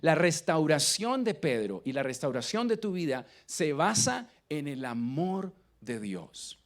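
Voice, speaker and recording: A Colombian-accented man delivers a sermon in a fairly high, very lively voice. He peppers the congregation with questions and swings between loud emphasis and hushed lines. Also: measured pace. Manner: preaching with rhetorical questions to the congregation. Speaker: pastor.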